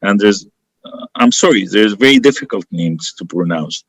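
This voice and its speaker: Emphatic Egyptian-accented man, lowish voice, dry sound. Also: animated, normal speed, no room sound, low-quality recording. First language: Arabic. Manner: emphatic, encouraging, repeats phrases for stress. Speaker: interview guest, politician and teacher. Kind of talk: conversational interview answers.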